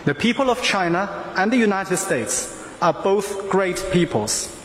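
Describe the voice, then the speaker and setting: High-voiced male live interpreter in echoey hall. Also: big pitch swings, measured pace, fairly bright tone. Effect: live interpreter voice-over of a played speech. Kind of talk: formal simultaneous interpretation. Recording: echoey hall, faint background noise.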